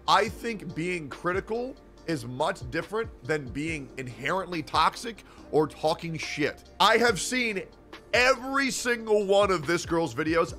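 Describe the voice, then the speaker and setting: Lively, earnest male streamer. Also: high-pitched. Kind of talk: casual live-stream commentary.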